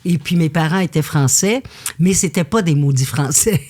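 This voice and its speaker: A woman speaks as a guest in an intimate conversation, her voice sitting a little low. She tells her stories with intensity and animation. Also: normal speed, a little mellow. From Quebec, Canada. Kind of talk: candid conversation.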